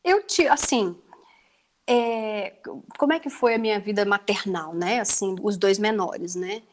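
A woman's voice: mid-range voice, measured pace. A woman in her forties from Brazil, chatting casually about her children and filling her talk with little tag questions. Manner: chatty, many fillers like "né". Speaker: mother, conversation guest. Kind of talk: casual chat.

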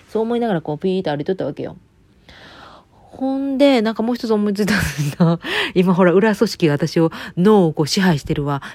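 A woman's voice: lowish voice, dark tone, no room sound. A woman with a Kansai accent rambling in a casual solo monologue, chatty and joking, with lots of fillers and asides. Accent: Kansai Japanese.

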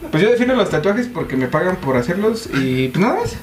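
A man with a Mexican accent, a guest on a comedy chat, giving laid-back, deadpan replies. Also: high voice, a little fast. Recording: roomy sound with clear music.

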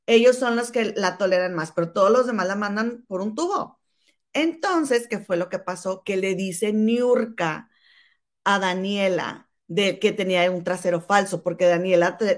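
A woman in casual gossip chat, animated and calling her listener comadre. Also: medium pitch. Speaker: co-host.

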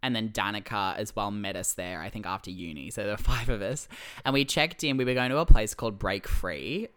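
A woman co-hosting a podcast, in casual chat full of quick teasing reactions. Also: very deep voice, fairly bright tone, smooth. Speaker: podcast co-host.

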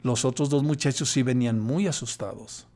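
A man's voice: mid-range voice, moderate pace, a little mellow. An older man, a podcast guest telling a personal story in a hesitant way, with many restarts.

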